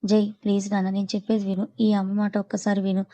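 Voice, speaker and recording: A woman's voice: medium pitch, little pitch movement, very fast, mellow, highs cut off, natural voice. A woman voicing a remorseful middle-aged mother who pleads and apologizes to her family. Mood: pleading.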